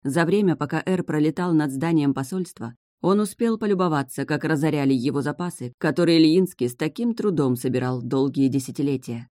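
Audiobook narrator reading fantasy, even measured pace, dry close mic. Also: medium pitch, dry recording. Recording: dry close studio sound.

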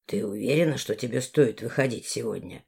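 A woman voicing a stern, protective male raven in a storybook reading, with a low, grave voice and curt questions. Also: fairly quick, gravelly, a little mellow, breathy edge, full character voice. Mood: wary.

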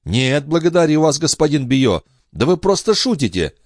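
A man reading a young, naive peasant lad in an audiobook, earnest and excitable, always polite and always hungry. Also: fairly high pitch, moderate pace, no room sound, studio quality, voice pushed up. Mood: flustered protest.

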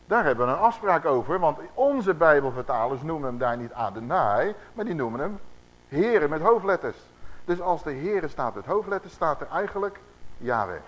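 Male preacher, fairly high voice, emphatic sermon delivery, drawn-out scripture readings, rhetorical questions to the room. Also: muffled recording. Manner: emphatic, slows and swells on scripture quotes, asks the congregation questions.

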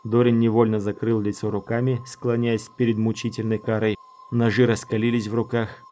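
A man narrating a fantasy audiobook in a steady, even storytelling manner. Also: on the low side, fairly quick. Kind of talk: scripted narration.

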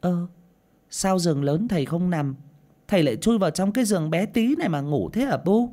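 A man's voice: high-pitched, lively intonation, a little fast, dark tone, pitched above the performer's own voice. A man doing a small naive boy. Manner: innocent questioning child voice.

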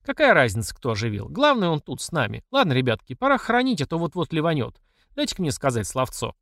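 Guy putting on a higher folksy older woman, motherly and peacemaking, dry close sound. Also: huge pitch swings, fast, creaky, fairly bright tone, no echo, full character voice. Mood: soothing. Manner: plain-spoken, folksy.

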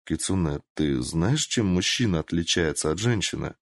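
A man's voice: sits low, expressive, normal speed, dry recording, studio quality. A man voicing a stern, hot-tempered young princess who speaks in a commanding, growling way.

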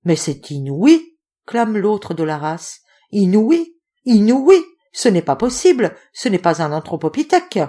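An excitable gentleman magistrate, put on by a woman narrator, easily alarmed. His exclamations leap high and loud, and his voice swings widely as he marvels and recoils. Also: normal speed, few pauses, husky, heavily acted.

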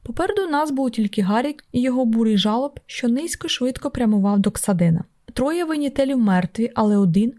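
A woman narrating an audiobook in the first person, with steady, measured reading. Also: a little high. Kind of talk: scripted narration.

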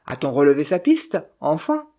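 A narrator voicing an elderly, ailing American man with a strong, sonorous voice and a good-natured, deadpan manner. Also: medium pitch, brisk, natural voice. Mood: surprised.

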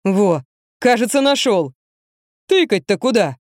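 A woman voicing a dim-witted burly young man who talks in a gruff bass with a slow, crude slangy drawl. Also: big pitch swings, dry recording, clean studio sound. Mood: slow, puzzled.

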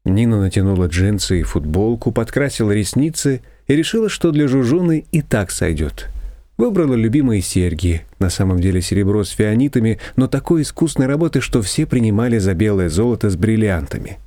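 A man's voice: on the low side, big pitch swings, fairly quick, warm tone, no echo, studio quality. A man narrating an audiobook in a wry storytelling manner.

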